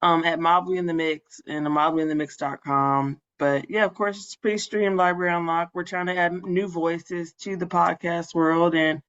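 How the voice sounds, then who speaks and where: A woman's voice: on the low side, steady tone, normal speed, hardly any pauses, a bit bright, clean tone, lo-fi sound. A woman who works as a school librarian, chatting on a webinar and explaining classroom tools step by step. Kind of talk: casual webinar chat.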